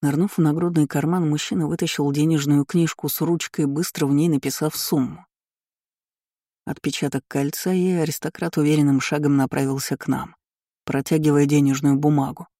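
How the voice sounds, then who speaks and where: Mellow-voiced male audiobook narrator. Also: a little high, level tone, fairly quick, no echo, studio quality. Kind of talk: scripted first-person fantasy narration.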